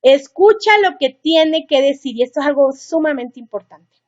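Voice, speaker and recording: A middle-aged woman with a high voice leads a seminar for parents, speaking at a normal speed with a darkish tone. Her manner is chatty and earnest, and she addresses the listener directly. The recording sounds dull and lo-fi.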